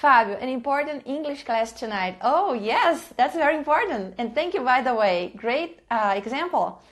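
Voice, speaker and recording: A woman's voice: sits high, lively intonation. Patient woman teaching English live. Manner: patient, repeats examples slowly, praises students by name. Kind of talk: live online English lesson.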